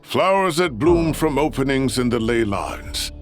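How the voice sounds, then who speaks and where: Guy playing a professor mentor in a game, composed, teachy, lively mid voice. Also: medium pitch, measured pace, soft background music, lightly acted. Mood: assured. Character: assured scholarly professor, older mentor. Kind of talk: video game voice acting.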